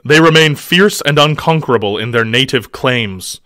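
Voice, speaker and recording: A man voicing a proud, gruff male barbarian warrior from a fantasy novel, with a blustering delivery. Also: medium pitch, lively intonation, normal speed, pushed and bright, no room sound, clean studio sound.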